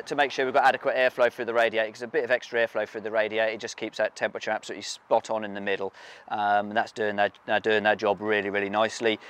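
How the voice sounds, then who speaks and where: A workshop mechanic casually talks through a car's engine work, relaxed and bantering, with plenty of "um"s and restarts. His medium-pitched voice is picked up on a lapel mic with slight background noise, first in an outdoor workshop yard and then inside a moving car.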